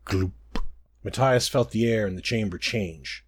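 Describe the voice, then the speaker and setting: A man's voice: fairly low pitch, moderate pace, slight background noise. A man narrating a scripted fantasy adventure story.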